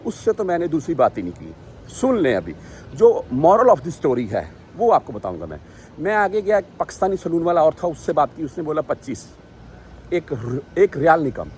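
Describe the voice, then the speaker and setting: A man's voice: a little high, sing-song, a little mellow, a little hiss or hum. A man from Pakistan, vlogging outdoors on a city street and animatedly retelling an argument before turning to lecture his listeners. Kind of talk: casual storytelling vlog.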